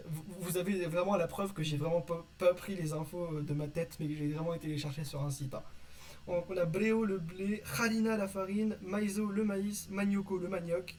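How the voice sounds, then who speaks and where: A man teaching vocabulary from an invented language in a casual lesson, reading word lists and pausing often with fillers. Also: fairly high pitch, darkish tone, slight background noise, low-quality recording. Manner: reads word lists, hesitant with many "euh". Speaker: conlang teacher.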